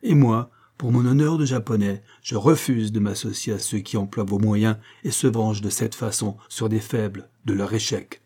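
A proud, indignant baron declaims his case in a dark, husky voice, read by a man for an audiobook. His lines come out as a formal, rising oration. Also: fairly low pitch, steady tone, moderate pace, hardly any pauses. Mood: indignant oratory. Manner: oratorical, declaiming. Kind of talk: audiobook reading.

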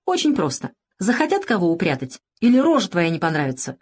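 Male convict read by a woman, streetwise, lecturing, wary, lively intonation. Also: on the low side, fairly quick, breathy edge. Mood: instructive. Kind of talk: audiobook character reading.

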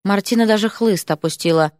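A woman's voice: mid-range voice, a little fast, darkish tone, no room sound. Woman audiobook narrator, playful storytelling, dry and close. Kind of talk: scripted narration.

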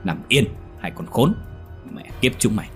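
A man voicing a vicious middle-aged foster father, a brutal villain in a horror audio story, with a gruff, booming, menacing voice. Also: expressive, moderate pace, soft background music, close to an everyday voice. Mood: furious. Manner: snarling, menacing.

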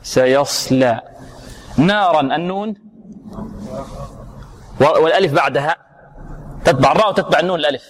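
A man with a slightly raised pitch leads a recitation lesson. He stretches single letters and syllables, then questions his students on each rule. His delivery is patient and drilling. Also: fast, pauses often, a little hiss or hum. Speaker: Quran recitation teacher.

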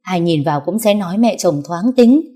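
A woman's voice: lowish voice, expressive, brisk, dark tone. A woman playing a gossipy, scheming young wife. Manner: giggly, gossipy, complaining. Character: spoiled young married woman, chatty and scheming.

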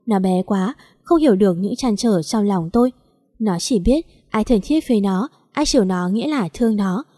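Woman reading a story out loud, warm mellow voice, calm and even, dry close sound. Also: mid-range voice, normal speed, no echo. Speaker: story narrator. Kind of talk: scripted story narration.

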